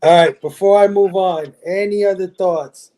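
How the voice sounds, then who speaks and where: A man's voice: high-pitched, normal speed, dark tone. A man hosting a casual pop culture chat on a live stream, laughing often and hyping up his co-hosts. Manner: laughs often, hypes up the panel. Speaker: podcast host. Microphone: video call.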